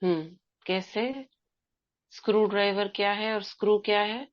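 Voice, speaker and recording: A woman's voice: medium pitch, steady tone, unhurried. Woman leading a spiritual class, chatty, keeps asking the room questions, kinda dull lo-fi sound. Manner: conversational, quizzes the listeners. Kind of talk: explaining a spiritual text to a class.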